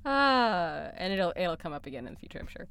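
A woman's voice: on the low side, a bit bright, clean tone. A woman co-hosting a podcast, chatting casually into a studio microphone in a library, with lots of restarts and laughs. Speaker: podcast co-host. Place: library recording room.

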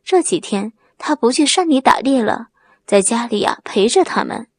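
A young village man, read by a woman who sounds gentle and solicitous while he gives careful instructions. The voice is a little husky and fairly high, recorded dry and close. This is an audiobook story. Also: animated, moderate pace, no room sound. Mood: reassuring. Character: young male villager, outwardly caring and reassuring.

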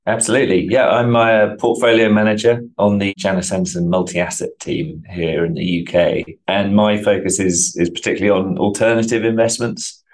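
A man's voice: on the low side, fairly even intonation, normal speed, hardly any pauses. A man giving explanatory answers as an expert guest in a remote interview. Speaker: interview guest, portfolio manager. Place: remote video call.

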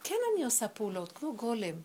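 A middle-aged woman giving a spiritual talk, telling personal stories in an animated, emphatic way. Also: on the high side, breathy edge. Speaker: spiritual teacher.

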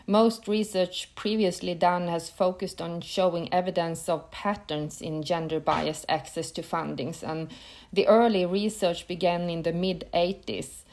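A woman's voice: lowish voice, a little mellow. A woman in her fifties from northern Sweden, a Swedish native speaker answering questions as a professor in a podcast interview, careful and earnest with slightly non-native phrasing. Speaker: guest, professor of entrepreneurship.

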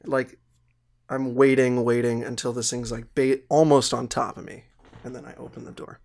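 A man's voice: mid-range voice, level tone, normal speed, creaky, a little mellow. A man playing a tabletop game, laying out a plan urgently and checking that everyone agrees. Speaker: player. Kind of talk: in-character tabletop play.

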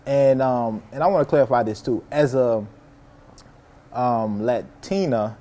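A man hosting a podcast in a relaxed, easy conversational style. His voice sits at an ordinary middle pitch. He rambles a little, restarting sentences and dropping in fillers as he goes. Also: measured pace. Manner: loose and chatty, with many fillers and restarts. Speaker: podcast host. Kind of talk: casual interview chat.

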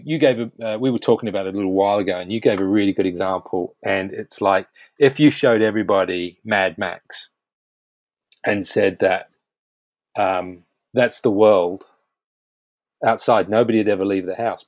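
Kiwi guy chatting on a podcast, lowish voice, dry close sound, blunt and swears a bit. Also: a little mellow, no room sound. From New Zealand. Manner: frank, emphatic, swears casually. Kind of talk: casual conversational podcast chat.

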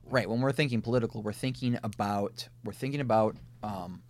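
A man with a Minnesota accent co-hosts a casual conversational podcast, his voice fairly low, a little mellow and a little fast. He explains ideas step by step, often thinking aloud with restarts and lists.

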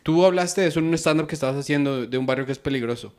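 A man's voice: a little high, racing, darkish tone. A Colombian man in a casual comedy chat, retelling an anecdote and asking about local words. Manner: quizzical, retells a story while checking local words. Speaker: podcast host.

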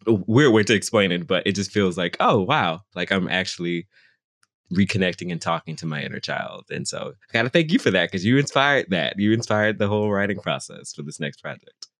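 A man's voice: sits low, expressive, brisk, a bit bright, no echo, studio quality. A young man, a singer-songwriter guest, chatting casually in an interview and filling his talk with "like" and "you know". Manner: rambling, full of "like" and "you know" fillers.

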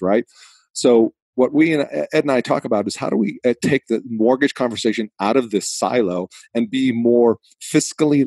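A male podcast host with a Boston accent and a slightly low voice. He talks in a casual, conversational way. The sound is dry and close. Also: darkish tone, no room sound.

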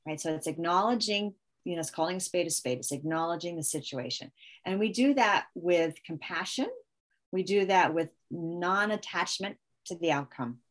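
This guest is a mother and parenting expert whose lowish voice moves at a normal pace. Over a casual interview she explains her techniques, frequently restarting and acting out quick lines meant for a child.

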